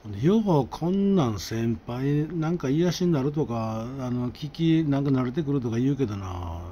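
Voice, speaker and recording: Kansai man, comic storytelling, lively intonation, conversational. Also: medium pitch, moderate pace, lo-fi sound, a little hiss or hum. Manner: animated, conversational.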